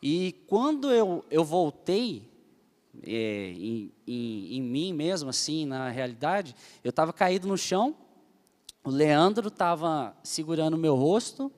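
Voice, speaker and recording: A man's voice: on the high side, sing-song, takes it slowly, darkish tone, in a large hall. A young man from Brazil giving an emotional personal testimony as a church leader, telling his story earnestly and animatedly to the group.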